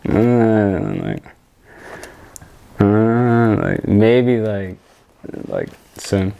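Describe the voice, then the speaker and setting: Deep-voiced young man, slangy and rambling. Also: drawn-out words, vocal fry, dark tone, clear, resonant tone, muffled recording. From Canada. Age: young adult. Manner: loose, slangy, rambling with many fillers and swearing. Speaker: interview guest, designer. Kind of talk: casual interview chat.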